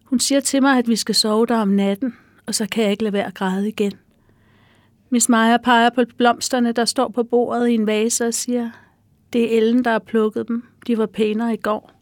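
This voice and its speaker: A woman author reading a passage from her own novel in a soft, measured way. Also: a little high, little pitch movement, no room sound.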